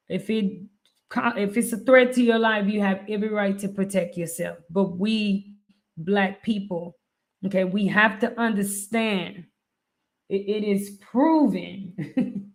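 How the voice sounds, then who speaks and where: A woman hosting a live stream, speaking earnestly and repeating her points for emphasis. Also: medium pitch. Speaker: livestream host.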